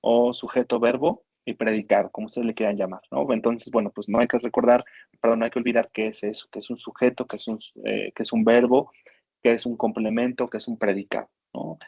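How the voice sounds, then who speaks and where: A man's voice: mid-range voice, flat delivery, a little fast, vocal fry, a little mellow, slightly rough, dry recording. Hesitant Mexican Spanish man teaching grammar. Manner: hesitant, many fillers and restarts; addresses students with frequent tag questions. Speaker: university writing instructor. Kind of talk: recorded lecture on grammar and spelling.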